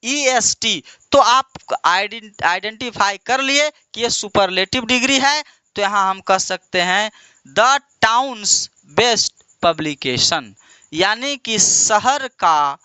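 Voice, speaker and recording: Man teaching grammar with high, bright voice. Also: animated, clear, resonant tone, no room sound. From India. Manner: asks questions and answers them himself, drawn-out repetition; addresses students as "my dear". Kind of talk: classroom lesson with call-and-response drills.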